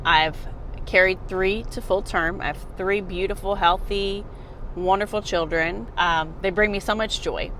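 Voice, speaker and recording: Slow-talking woman in her forties. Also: mid-range voice, steady tone, a bit bright, a little hiss or hum. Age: 40s. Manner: earnest, unhurried, speaks directly to the viewer. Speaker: fitness vlogger and mom. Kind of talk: casual motivational talk to camera.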